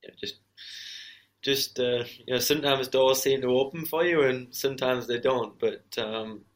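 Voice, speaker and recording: Man, medium pitch, athlete interviewee, casual, modest, understated, filler-heavy phrasing. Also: fairly even intonation, normal speed. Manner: modest, understated, leans heavily on "you know". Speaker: professional motorcycle racer being interviewed.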